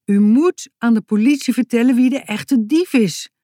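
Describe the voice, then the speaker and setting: Woman voicing an urgent, excitable young boy. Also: a little high, moderate pace, no echo, studio quality, pitched above the performer's own voice, lightly acted. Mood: eager. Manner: urgent, insistent.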